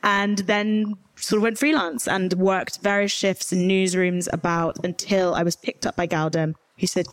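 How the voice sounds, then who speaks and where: A young woman from rural Herefordshire, England, speaks with a modern British Received Pronunciation accent and a lowish voice. As a journalist guest on a panel at a live event, she gives candid, informal interview answers with emphatic asides. There is no room sound.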